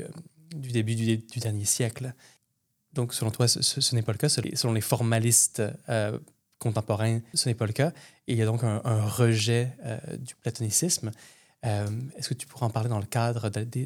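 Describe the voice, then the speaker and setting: Halting male interviewer with a science background. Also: medium pitch, fairly even intonation. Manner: halting, repeats words while forming questions. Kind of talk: academic interview questions.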